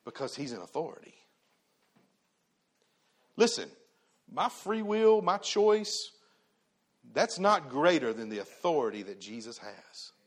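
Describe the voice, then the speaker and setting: A man preaching a sermon to his church, animated, asking rhetorical questions and dropping from loud bursts to hushed tones. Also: on the high side, unhurried, pauses often. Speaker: pastor.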